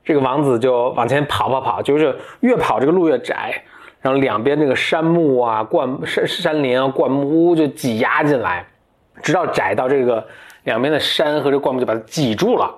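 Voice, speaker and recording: A man's voice: medium pitch, a little fast. A man casually retelling a fairy tale in a chatty, playful way, with asides. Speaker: storyteller host.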